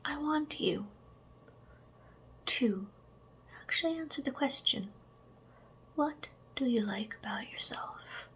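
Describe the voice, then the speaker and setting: Speaking in a mid-range whisper, a woman ASMR creator offers slow, soft affirmations straight to you. Gentle humor and chatty asides weave through her delivery.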